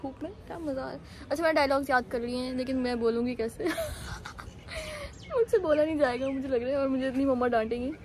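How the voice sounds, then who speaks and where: A woman's voice: sits high, racing, few pauses, darkish tone. A young woman, a university student, chatting casually and rambling in a giggly way for her vlog. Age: young adult. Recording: crowd and noise behind.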